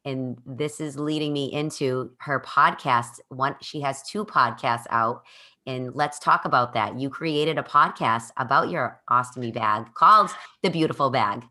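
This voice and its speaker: A woman hosting a podcast, with a very low voice. Her tone is bright and forceful, and she sounds enthusiastic and encouraging. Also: measured pace. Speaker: podcast host. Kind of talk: interview.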